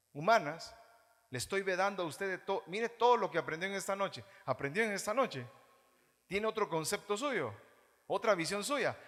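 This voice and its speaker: A man with a Guatemalan Spanish accent preaching a sermon as pastor, animated, mimicking churchgoers in mocking voices. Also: sits high. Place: church hall. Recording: reverberant church hall.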